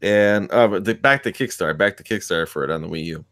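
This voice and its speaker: A man's voice: low-pitched, fast talker, a bit bright. A man chatting casually on a video call, rambling with many restarts and fillers.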